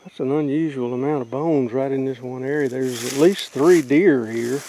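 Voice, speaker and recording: A man's voice: medium pitch, normal speed, dark tone. A middle-aged man giving plain-spoken, casual commentary as he explores the woods for a vlog. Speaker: outdoor vlog co-host. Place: outdoors in woods. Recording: faintly noisy outdoor field recording.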